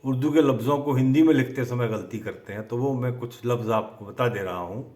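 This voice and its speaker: A man teaching poetic meter in a slow, methodical lesson, dictating word lists. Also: medium pitch, a little mellow. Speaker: poetry teacher.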